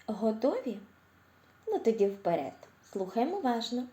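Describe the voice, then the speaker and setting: A woman speech therapist with a Ukrainian accent giving a slow, clear lesson for small children, cheerful and encouraging, pronouncing each sound with care. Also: fairly high pitch, big pitch swings, reverberant. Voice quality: articulates sounds with care, drawn-out vowels. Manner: drops to a whisper to show quiet sounds. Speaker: speech therapist teaching preschoolers.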